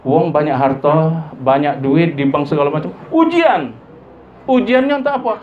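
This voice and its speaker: A man giving a sermon, his voice jumping high for emphasis as he acts out everyday family dialogue. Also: moderate pace. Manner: lively pitch leaps, acts out dialogue of parents and children. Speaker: preacher. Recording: dull lo-fi recording with faint ambient noise.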